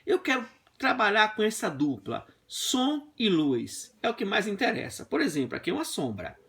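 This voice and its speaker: A man teaching a physics class in a classroom, explaining with playful, animated stories. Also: high voice, moderate pace, creaky. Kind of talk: lively classroom lesson with comic anecdotes. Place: classroom with a whiteboard.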